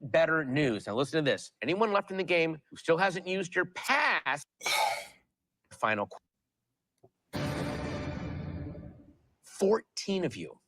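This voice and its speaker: A man's voice: fairly high pitch, fairly bright tone, dry recording, clean studio sound. A man hosting a television quiz show, reading questions and teasing contestants playfully. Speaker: game show host.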